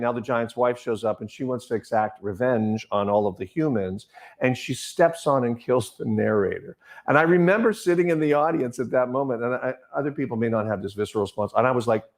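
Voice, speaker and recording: A middle-aged man giving an informal lecture on the stage arts, rambling like a professor, with digressions, halting restarts and personal anecdotes. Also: mid-range voice. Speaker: lecturer on musical theater.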